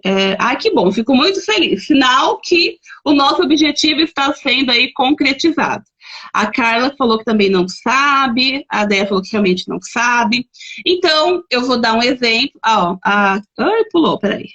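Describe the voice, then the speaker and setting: In a live-streamed lesson, a woman with a Brazilian Portuguese accent chats and reads viewer comments aloud while giving examples. Her voice is high-pitched and a bit bright, and the recording has its highs cut off.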